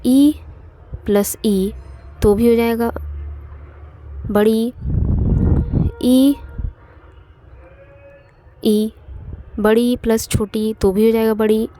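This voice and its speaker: A woman's voice: a little high, steady tone, very slow, pauses often, warm tone. A woman teaching an online exam-prep grammar lesson, explaining step by step and repeating points with frequent fillers.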